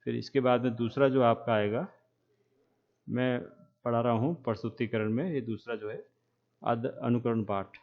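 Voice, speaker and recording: A man lecturing trainee teachers, speaking slowly and repeating key terms, with frequent checks that the class is following. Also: mid-range voice, fairly even intonation, highs cut off. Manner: asks "है ना?" to check understanding.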